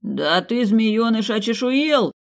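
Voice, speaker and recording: Ancient serpent grandfather, power-hungry, very slow, booming, commanding, storybook, woman voicing. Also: fairly bright tone, exaggerated voice. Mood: furious. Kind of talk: audiobook character voice.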